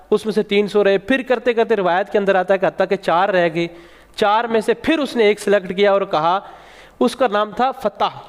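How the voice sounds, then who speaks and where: A man tells a religious tale in a high, ringing voice, lifting his pitch on the key moments. His words trail into a long hall reverb. He sounds like a studio preacher setting out a story for viewers. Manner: emphatic, rising for key points. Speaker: religious speaker on a Ramzan show. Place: TV studio set.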